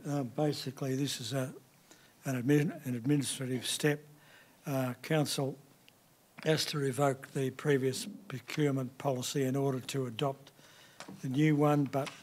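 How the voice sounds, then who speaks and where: An Australian man speaks as a councillor in a plain, matter-of-fact manner. His voice stays flat, with little variation. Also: mid-range voice. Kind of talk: formal council speech.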